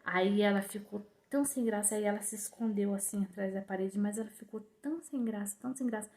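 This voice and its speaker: A woman's voice: medium pitch, brisk, a little mellow. A young woman, a new mother, telling her story casually to the camera, acting out what others said and sounding indignant. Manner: retells dialogue in other voices, indignant and emotional.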